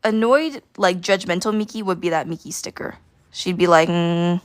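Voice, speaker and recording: During a livestreamed art lesson, a woman with a lowish, expressive voice chats casually as she draws, giggling and thinking aloud at a normal pace. The audio has no echo.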